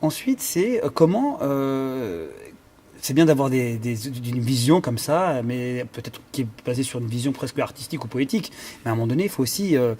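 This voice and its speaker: This conductor and cellist from Iran speaks at a moderate pace in an animated, medium-pitched voice that is mellow and slightly rough. Answering interview questions reflectively, he leans on fillers and restarts as he looks for words.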